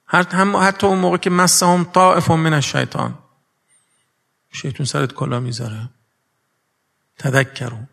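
A man's voice: fairly high pitch, level tone, creaky, pauses often, fairly bright tone. A man preaching a religious sermon with earnest rhetorical questions, moving between formal phrasing and everyday speech. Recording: long reverb of a large hall.

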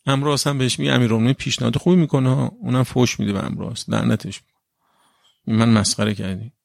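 A man's voice: medium pitch, steady tone, creaky, a little mellow, no echo, clean studio sound. A man preaching a religious sermon in an emphatic, repetitive way, often checking with listeners. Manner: emphatic, repetitive, asks the audience "right?". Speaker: cleric.

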